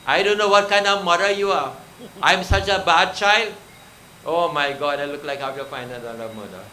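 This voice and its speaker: A man voicing a young boy god who complains loudly to his mother that he is hungry and neglected. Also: fairly high pitch, brisk, slight background noise, low-quality recording. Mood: sulky. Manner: complaining, sulky, loud. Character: whiny hungry little boy god, demanding.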